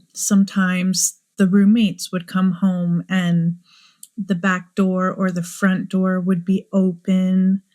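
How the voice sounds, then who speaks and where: A woman's voice: on the low side, a little mellow. A woman hosting a true crime show, musing aloud and asking many rhetorical questions. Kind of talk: speculative true crime commentary.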